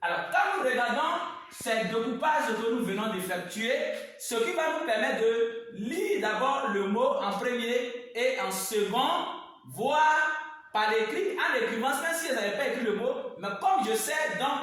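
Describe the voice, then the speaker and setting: A man teaching a reading lesson, explaining slowly and repeating words syllable by syllable at the board. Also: very high voice, animated, fairly bright tone. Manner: slow, repetitive, spells words by syllables. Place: classroom with a board. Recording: echoey room, mic far off.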